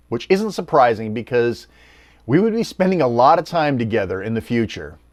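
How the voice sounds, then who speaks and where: A middle-aged American man tells the story like a scripted documentary, with a wry, personal touch. His pitch swings up and down as he goes. He is recorded close and dry, with no room sound. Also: dry recording. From United States. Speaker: documentary narrator.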